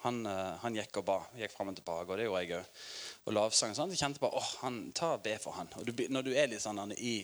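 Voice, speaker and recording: A Norwegian man in his forties preaching a sermon in a church, telling stories with lively energy and laughter. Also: lowish voice. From Norway. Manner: lively storytelling with laughter, acted quotes.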